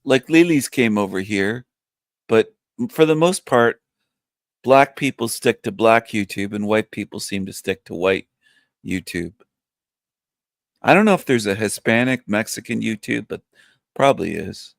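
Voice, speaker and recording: An older man hosts a casual livestream from a webcam setup with the camera off, rambling, joking, and laughing often in a strong voice that sounds younger than he is. His lowish voice is animated and unhurried with vocal fry, captured in a dry, studio-quality recording.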